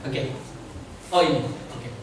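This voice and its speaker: A man with an Indonesian accent preaching a lively, joking sermon and calling out to the congregation. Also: slow, slight background noise. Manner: jokey, animated, calls out to the congregation. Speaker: pastor. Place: church hall. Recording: echoey church hall, mic at a distance.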